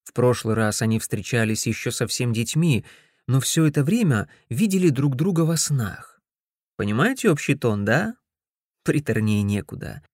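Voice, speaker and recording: A man reading a first-person story aloud, expressive, breaking into angry shouts in character. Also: mid-range voice, normal speed, no room sound, studio quality. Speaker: audiobook reader.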